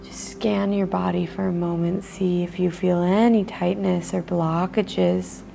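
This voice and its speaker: Meditation guide, woman: unhurried, soft and soothing, with a gravelly edge. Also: lowish voice, fairly even intonation, slight background noise. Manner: slow, soft and soothing, with breathy pauses.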